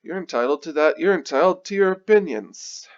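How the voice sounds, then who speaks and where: A man's voice: a little high, expressive, fairly quick. A man giving an angry, sweary movie review, repeating himself as he rants. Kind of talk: ranting video review. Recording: dull lo-fi recording.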